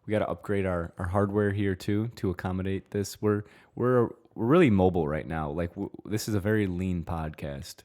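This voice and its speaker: A man with a very low voice, co-hosting a casual podcast chat. He talks in a laid-back way and teases dryly. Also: fairly quick, hardly any pauses, darkish tone. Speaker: podcast co-host.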